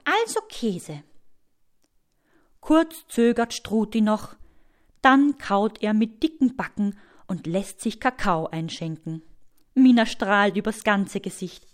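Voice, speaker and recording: A woman calmly narrating a children's story, sometimes dropping to a hush. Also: medium pitch, slow. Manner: calm, hushed in places.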